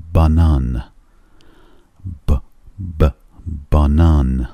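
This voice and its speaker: A man with an extremely low, dark voice leads a recorded language lesson. He explains each letter calmly and drills example words slowly, over and over. The sound is dry and close. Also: no echo. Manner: slow, careful pronunciation drills. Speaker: language teacher.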